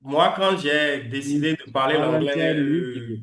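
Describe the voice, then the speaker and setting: A man whose first language is French leads a live English class, repeating words slowly so his students can copy them. His voice sits a little high. The room around him is echoey. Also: fairly bright tone. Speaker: English teacher.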